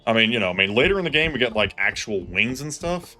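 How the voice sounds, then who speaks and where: A man giving live commentary over his own gameplay, excitable and self-deprecating, pleading with the game when things go wrong. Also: mid-range voice, fast, faint music behind. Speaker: gaming streamer.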